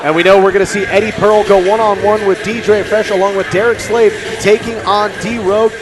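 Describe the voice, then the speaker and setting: A man's voice: sits high, fairly even intonation, brisk, over music. A man calling live pro wrestling as the lead play-by-play commentator, with dramatic announcer phrasing. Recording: loud crowd behind the voice. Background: noisy live wrestling crowd.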